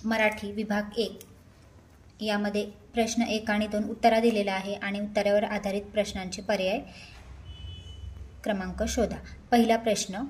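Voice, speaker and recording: A woman's voice: medium pitch, little pitch movement, moderate pace, a little mellow, a little hiss or hum. A woman teacher going through exam questions step by step, reading each one aloud and then explaining its answer patiently.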